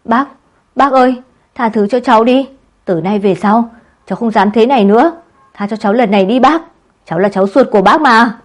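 A woman voicing a frightened young man who begs his uncle for mercy in a whiny, rushed voice. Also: a little high, close to an everyday voice. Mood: pleading. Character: young man, panicked nephew begging for mercy.

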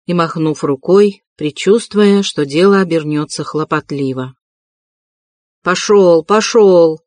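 Measured audiobook narrator, dry sound. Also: medium pitch, a little mellow, dry recording. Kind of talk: audiobook reading.

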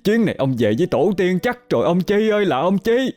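A man's voice: big pitch swings, moderate pace, dark tone, soft background music. A man voicing a greedy middle-aged village woman who wails and scolds shrilly in a told story. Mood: wailing. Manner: wailing, shrill, self-pitying. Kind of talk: storytelling with voices.

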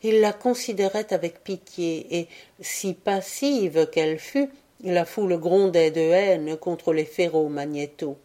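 A woman reading a novel aloud as an audiobook, in measured scripted narration. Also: fairly low pitch, mellow. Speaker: audiobook reader.

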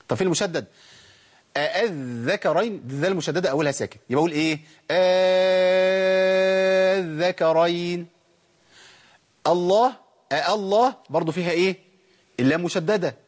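A man's voice: on the high side, breathy edge. A man with an Egyptian accent teaching Quran recitation in a colloquial lesson. He keeps asking rhetorical questions and stretches syllables to sing out his examples. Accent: Egyptian Arabic.

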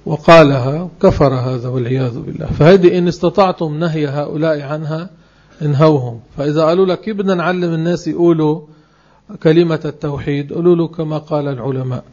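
Guy teaching a religion class, kinda high voice, muffled lo-fi sound, stresses every word. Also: a little mellow. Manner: emphatic, spells out phrases slowly word by word. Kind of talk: religious lesson.

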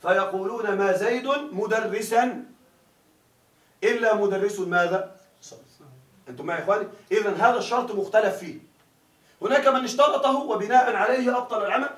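A man gives a classroom grammar lecture in a fairly high voice, stopping often to ask whether the students follow. He is heard from some distance off the mic. The room is echoey. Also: fast, a bit bright. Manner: keeps asking students if they follow. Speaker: grammar teacher.

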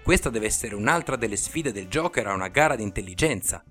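A man voicing a calm, clever masked crime-fighter in a matter-of-fact way. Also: fairly low pitch, quick pace, faint music behind. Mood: composed.

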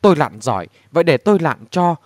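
A man's voice: fairly high pitch, big pitch swings, fast talker, no echo, studio quality. Boastful, eager village man, voiced by a male reader. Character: eager middle-aged villager, a diver.

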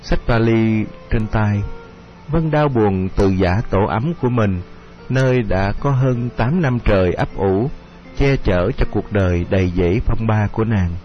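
A man narrating an audio story in a slow, measured, melancholy reading. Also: on the low side. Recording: dull lo-fi audio with music.

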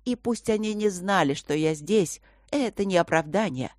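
A woman's voice: on the low side, normal speed, a little mellow, no room sound, clean studio sound, natural voice. A woman voicing a cold, imperious queen in an audiobook, speaking in a commanding, clipped way. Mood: stern.

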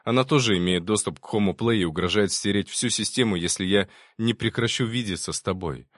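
A man reading as a gentle young programmer. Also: lowish voice, a little fast, no echo, clean studio sound, natural voice. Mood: earnest. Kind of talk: audiobook reading.

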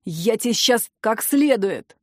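A raging young man bellows threats in a high, strained voice, as a woman reader puts him on. He is hot-headed and protective of his sister. The sound is dry and close, an audiobook scene. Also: lively intonation, slow pace, no room sound. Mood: furious. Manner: shouting, aggressive.

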